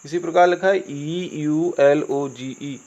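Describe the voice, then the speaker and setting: A fairly high-voiced Indian man leads an English lesson, spelling out each word letter by letter and then answering his own questions. The recording is dull and lo-fi, with crickets chirping faintly behind him. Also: takes it slowly, a little mellow. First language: Hindi. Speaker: English teacher. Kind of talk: classroom-style spoken lesson.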